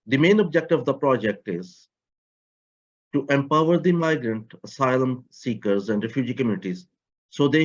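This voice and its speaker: A man from Pakistan, giving a prepared talk on a video call about a community project, in measured, slightly English. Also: mid-range voice. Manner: measured, slightly non-native grammar. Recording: muffled online call audio.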